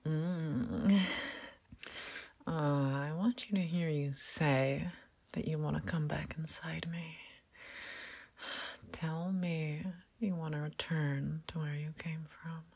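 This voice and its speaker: A woman playing a doting, seductive mother figure in an intimate audio roleplay, talking softly in murmurs and whispers with hums and light laughs. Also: low voice, steady tone, gravelly, husky, full character voice. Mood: sultry. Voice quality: soft, whispery. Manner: slow, murmuring, teasing, with frequent hums and soft laughs.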